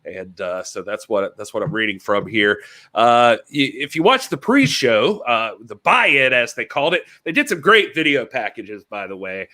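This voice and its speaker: A man's voice: medium pitch, sing-song, normal speed, sharp tone. A man co-hosting a wrestling talk podcast, chatting casually, joking and reading viewer messages aloud. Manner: joking, conversational, reads chat messages aloud. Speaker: podcast co-host. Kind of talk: casual chat.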